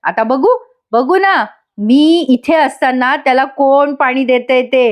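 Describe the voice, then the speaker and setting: A woman's voice: high-pitched, takes it slowly. A woman voicing a stern, boastful middle-aged father in a soap recap. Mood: defiant.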